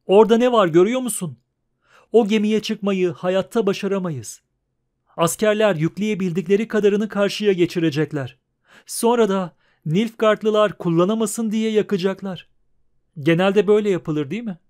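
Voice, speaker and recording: A man voicing a panicky young male bard who talks fast and pleads shrilly in an audiobook. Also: high voice, a little mellow, voice pushed up, natural voice. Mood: frantic.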